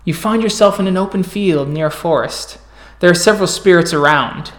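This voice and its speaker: Higher-pitched male game master. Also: a little fast, fairly bright tone. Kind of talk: narrating a tabletop game.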